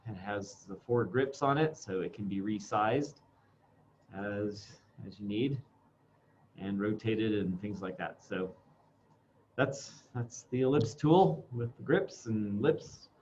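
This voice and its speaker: A man's voice: fairly low pitch, a little mellow. Muffled male instructor in a face mask. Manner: speaking through a face mask; halting, thinking aloud. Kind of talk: informal classroom software demonstration. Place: classroom. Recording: dull lo-fi sound, faint background noise.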